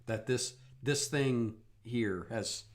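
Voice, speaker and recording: Guy running a tabletop game, slow and halting, mid pitched voice, making it up as he goes. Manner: halting, groping for words. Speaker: game master. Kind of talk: improvised narration of a tabletop game.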